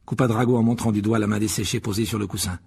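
A man narrating an audiobook in a steady, measured storytelling manner. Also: lowish voice, gravelly, husky.

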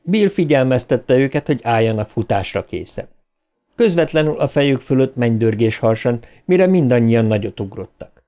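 A man reading a horror novel aloud as an audiobook narrator, measured and dramatic. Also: mid-range voice, big pitch swings, dark tone. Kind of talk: scripted narration.

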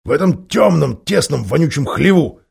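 A man's voice: big pitch swings, normal speed, creaky, darkish tone, husky, exaggerated voice. A man voicing a stubborn, scornful male dwarf in a storybook reading, snapping and grumbling. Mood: scornful, grumpy. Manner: snapping, shrill when outraged.

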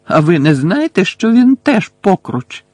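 A man's voice: on the high side, big pitch swings, a little slow, no room sound. A man voicing a defiant teenage boy wizard in an audiobook, speaking up boldly and stalling for time.

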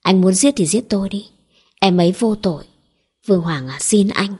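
A woman's voice: mid-range voice, normal speed, darkish tone, breathy edge, natural voice. A woman reading the lines of a defiant, desperate young wife in a storybook. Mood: pleading. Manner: angry, pleading.

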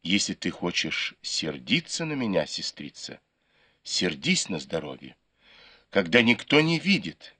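A man's voice: low voice, sing-song, a little slow, bright, forceful tone, breathy edge, voice pushed down, heavily acted. A man reading the part of a pampered, teasing young nobleman in a storybook. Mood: pleading. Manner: coaxing, teasing.

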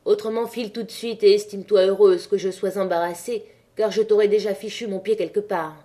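A stern miner's wife of about forty speaks frankly and without give, read by a woman in her own voice. Her tone is warm and dark, plain and firm. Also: medium pitch, steady tone, fairly quick, lightly acted. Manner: blunt, unyielding. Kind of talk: audiobook reading.

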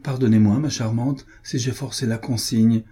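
A man reading the part of a scheming baroness who speaks with honeyed, feline flattery in a storybook novel. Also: medium pitch, normal speed, slightly rough, close to an everyday voice. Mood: falsely sweet. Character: scheming older baroness, falsely sweet.

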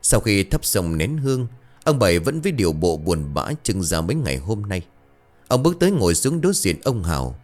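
A man telling a scripted horror story in a dramatic, expressive narration. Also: low voice, a little fast, soft background music.

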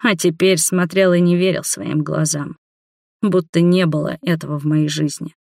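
An audiobook reader giving measured, steady first-person narration. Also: mid-range voice, creaky, no echo, studio quality.

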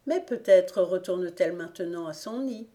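A woman's voice: fairly low pitch, lively intonation, moderate pace, warm tone, close to an everyday voice. Woman reading as a kindly nursemaid. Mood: gentle.

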